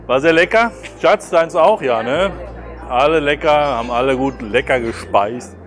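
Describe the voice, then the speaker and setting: A man in his fifties, working as a travel vlogger, jokes casually in short colloquial bits to an arm's-length camera outside in gardens and town streets. His mid-range voice keeps a measured pace over faint music and outdoor ambient noise.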